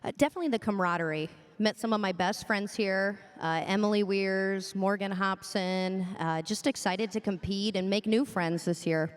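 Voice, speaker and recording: A woman's voice: medium pitch, normal speed, few pauses, big-room sound. A woman auctioneer being interviewed, bubbly and enthusiastic. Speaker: auctioneer contestant. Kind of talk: casual interview.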